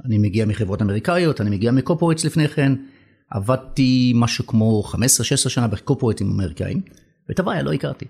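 A man's voice: mid-range voice, lively intonation, vocal fry, a little mellow, breathy edge. A middle-aged man with an Israeli accent talks in a conversational business interview, emphatic and repeating phrases for weight. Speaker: company country manager, interview guest.

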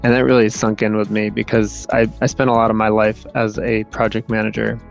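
A man co-hosting a podcast, speaking thoughtfully and hesitantly, with halting restarts as he reflects. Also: on the low side, flat delivery, creaky, faint music behind. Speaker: podcast co-host. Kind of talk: casual reflective podcast talk.

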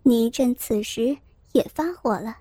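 A woman reading a scripted story as narrator, in a steady, even manner. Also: a little high, unhurried, slightly rough, no echo. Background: faint music.

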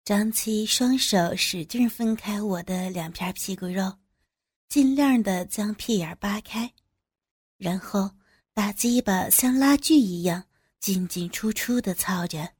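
A woman reads a first-person story in a slow, unhurried way. Her voice is husky and a little breathy. It sounds dry and close, with no room behind it. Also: mid-range voice, a little mellow, no echo. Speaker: narrator.

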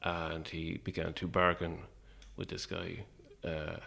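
A man with an Irish midlands accent talking casually and a little hesitantly as an interview guest, in a low-key, wry way. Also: monotone, slow, vocal fry, bright, forceful tone. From Longford, Irish midlands.

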